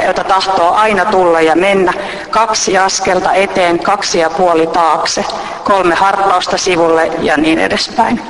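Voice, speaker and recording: A man musing aloud and then reading a poem as a slow, rhythmic list of words. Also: high voice, fairly bright tone, in a large hall, poor audio. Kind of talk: musing monologue and poetry reading.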